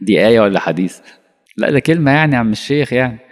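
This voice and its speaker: A man's voice: medium pitch, lively intonation, quick pace. A man with an Egyptian Arabic accent giving a colloquial religious lesson, full of rhetorical questions and acted-out dialogue. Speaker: preacher. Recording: long hall reverb.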